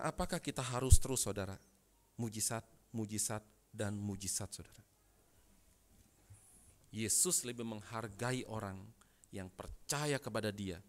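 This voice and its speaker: A pastor preaching a sermon in dramatic storytelling style, dropping to quiet asides and rising to loud emphatic bursts. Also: male voice, on the low side. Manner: dramatic storytelling, frequent address to listeners as brothers and sisters.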